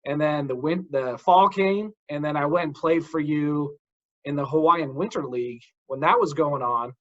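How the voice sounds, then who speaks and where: A man in his forties chats as an interview host, eager and full of stories. His voice sits a little high. The audio is dull and lo-fi. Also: normal speed, a bit bright. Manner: enthusiastic, storytelling, says dude a lot. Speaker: podcast host, mental coach. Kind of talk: casual interview chat.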